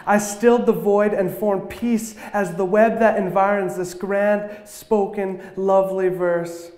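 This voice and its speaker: A man's voice: high voice, darkish tone, reverberant. A man giving a sermon in the form of spoken word poetry, with a rhythmic, rhyming slam delivery. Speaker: church speaker. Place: church hall.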